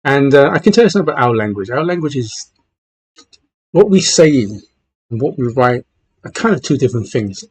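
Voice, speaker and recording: A middle-aged gaming channel host who grew up in China speaks with an English accent and a trace of his native Cantonese, giving casual gaming commentary in bursts full of restarts and repeated words. His voice is mid-range, sing-song, and breathy-edged, fairly quick yet broken by long pauses. There's no echo.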